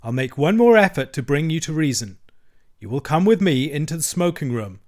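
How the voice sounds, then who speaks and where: Man doing a stern old badger, slow and serious, bossy. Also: fairly high pitch, sing-song. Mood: severe. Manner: grave, deliberate and firm. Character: stern, solemn old male badger, commanding.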